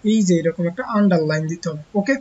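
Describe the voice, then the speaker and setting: In an online textbook lesson for young pupils, a teacher with a mid-range, slightly mellow voice asks rhetorical questions and answers them, slowly repeating key words. The audio is dull.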